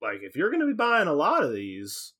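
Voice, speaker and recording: A male podcast co-host in casual chat, with a slightly high voice that swings up and down. He talks animatedly and breaks into laughter often. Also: wildly swooping pitch, brisk, pushed and bright.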